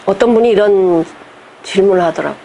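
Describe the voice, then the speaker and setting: A woman's voice: mid-range voice, brisk, vocal fry, mellow, a little hiss or hum. A woman pastor giving a heartfelt sermon, firing rhetorical questions at the congregation, her voice sometimes catching with emotion. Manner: impassioned preaching, voice catching with emotion.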